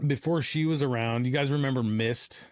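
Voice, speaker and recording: A man co-hosting a casual podcast, offhand and easygoing in how he talks. His voice sits at an ordinary pitch, recorded close and dry. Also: normal speed, dry recording. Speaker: podcast co-host. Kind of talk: casual chat.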